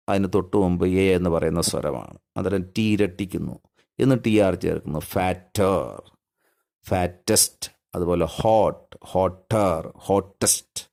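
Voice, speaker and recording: A man's voice: deep voice, vocal fry, darkish tone. A man with a Malayali accent teaching an English grammar lesson. He goes patiently step by step, asking questions and then answering them himself. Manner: patient, explains step by step, asks and answers his own questions.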